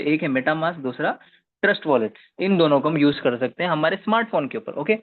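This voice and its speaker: Man, fairly high voice, slide-by-slide explainer, keeps saying "guys", tinny phone-line sound. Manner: calls viewers "guys" and checks in with "okay". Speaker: presenter of an investment plan. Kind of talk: explainer walking through slides.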